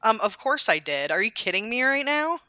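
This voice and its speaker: A woman with a bright, ringing voice banters playfully and laughs easily. Her pitch swoops up and down as she teases, and a faint hiss sits under the recording. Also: big pitch swings. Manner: playful, teasing, quick to laugh. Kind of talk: casual chat.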